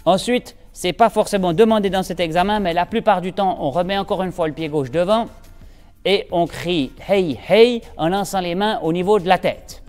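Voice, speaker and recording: A man leads a martial arts class indoors, talking students through breathing with calm, steady cues. His voice is smooth and clear and sits slightly high for a man. Faint music plays behind him. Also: normal speed, in a large hall. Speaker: aikido instructor. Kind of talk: instructional demonstration.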